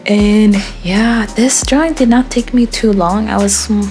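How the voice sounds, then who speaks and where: A young woman artist from Florida chatting casually in a rambling, relaxed voice-over while she draws, with frequent ums. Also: medium pitch, measured pace. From born in Haiti, grew up in Florida. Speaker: artist vlogger.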